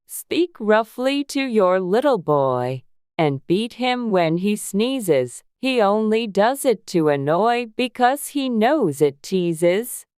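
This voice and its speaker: A woman's voice: mid-range voice, sing-song, takes it slowly, a little mellow, clear, resonant tone, no echo, studio quality. A woman voicing a bossy, bad-tempered duchess with a curt, theatrical, scolding delivery in a dramatized storybook audiobook. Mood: harsh, sing-song.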